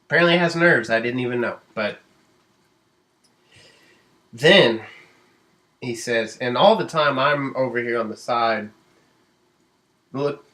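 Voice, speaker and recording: A man casually telling a personal story in a vlog, rambling with fillers and breaking into sudden high exclamations. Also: unhurried, long pauses, pushed and bright. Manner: drawling, rambling with many fillers. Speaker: vlogger.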